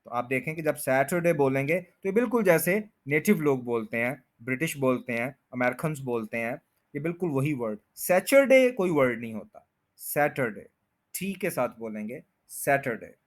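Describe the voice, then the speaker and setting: A man teaching English pronunciation in Hindi, repeating words slowly to show their stress. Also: mid-range voice. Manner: slow, drawn-out repetition of words with stress. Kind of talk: pronunciation lesson explained in Hindi.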